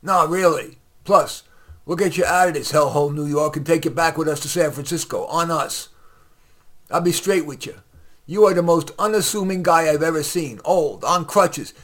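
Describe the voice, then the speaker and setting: A man reading aloud while voicing a loud, pushy male con man with a brash salesman's pitch. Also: moderate pace, lightly acted. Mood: boastful.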